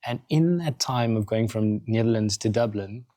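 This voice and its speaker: A man's voice: on the low side, moderate pace, no room sound. South African man telling a story. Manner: animated, acts out quotes in other voices. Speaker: podcast guest, coffee roaster founder. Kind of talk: casual storytelling chat. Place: studio.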